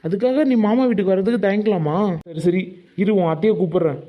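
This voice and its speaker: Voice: lively intonation, a little fast, muffled recording, close to an everyday voice. A performer voicing an affectionate middle-aged village uncle in a cartoon. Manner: affectionate, booming calls. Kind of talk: cartoon voice acting.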